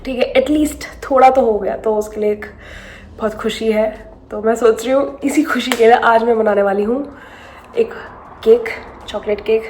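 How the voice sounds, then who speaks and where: A woman's voice: fairly high pitch, fairly even intonation, moderate pace, a little mellow, a little hiss or hum. A young woman from India chatting casually in a home vlog, mixing in English phrases and laughing often. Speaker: vlogger. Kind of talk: casual chat.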